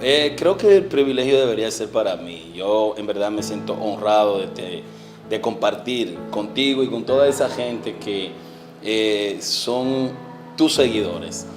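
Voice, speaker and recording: A Dominican evangelist in his forties, appearing as a guest, gives his testimony in an interview with a Dominican Spanish accent. His fairly low male voice is animated yet earnest, hesitant and full of fillers, often trailing off softly, with music playing underneath.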